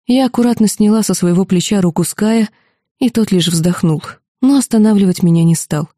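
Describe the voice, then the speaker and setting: A woman narrating a fantasy audiobook in first person, lively and ironic. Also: medium pitch, fairly quick, no echo, studio quality.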